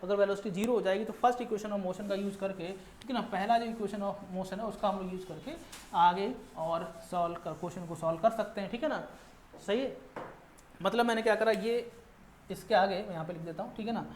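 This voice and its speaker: A man's voice: sits high, fairly quick. Male physics teacher, patient lecturing, repeats every step and answers his own questions; roomy echo, faint hiss behind. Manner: asks questions and answers them himself; tags nearly every line with "ठीक है ना". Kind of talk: classroom lecture mixing Hindi and English. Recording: echoey room with faint background noise.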